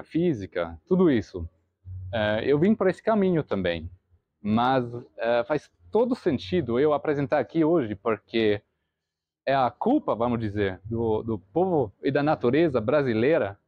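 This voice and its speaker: A man's voice: on the high side, no echo, lo-fi sound. A man from Germany with a German accent, a native German speaker giving an informal presentation, hesitant as he searches and repeats for words. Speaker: artist and photographer, guest presenter.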